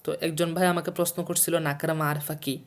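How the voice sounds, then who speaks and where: A man from Bangladesh teaching Urdu vocabulary from a textbook. He explains each word slowly, repeats words and their meanings, and quizzes the listener as he goes. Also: a little high, level tone. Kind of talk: textbook lesson for a video series.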